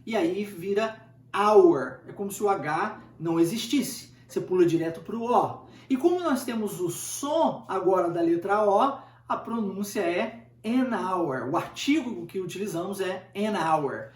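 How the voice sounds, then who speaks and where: A man's voice: high-pitched, animated, normal speed. A man giving an informal English lesson, talking conversationally, repeating points and checking in with rhetorical questions. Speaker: English teacher. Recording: roomy, distant from the mic.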